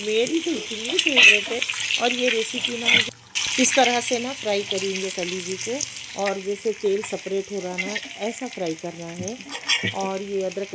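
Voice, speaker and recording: A woman with a Hyderabadi accent chatting casually through a home cooking vlog, explaining each step and repeating words as she goes. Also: medium pitch. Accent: Hyderabadi Hindi-Urdu. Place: home kitchen. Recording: kitchen noise behind. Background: frying and sizzling.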